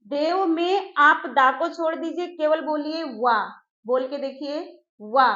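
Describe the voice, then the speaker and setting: A woman teacher giving an exam-prep grammar lesson, slowly repeating key phrases and putting questions to her students. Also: sits high, bright, forceful tone. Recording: echoey room, dull lo-fi sound.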